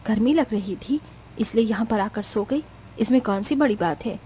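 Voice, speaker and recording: A woman's voice: on the high side, moderate pace, dark tone, a little hiss or hum, close to an everyday voice. A woman voicing a stingy, bossy middle-aged mother-in-law in a cartoon story, with a grumbling way of talking. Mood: weary.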